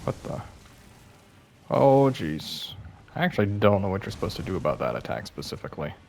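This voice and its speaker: A man's voice: sits low, very animated, a little fast, vocal fry, darkish tone, a little hiss or hum. A young man giving casual, self-deprecating commentary over his gameplay, sounding a bit worn out and apologizing often. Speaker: gaming YouTuber.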